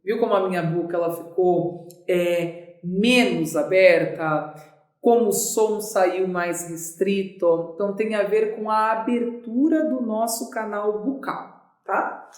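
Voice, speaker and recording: A woman's voice: medium pitch, slow pace, darkish tone. A Brazilian woman teaching an online grammar lesson, chatty, asking and answering her own questions. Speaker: Portuguese teacher. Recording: echoey room.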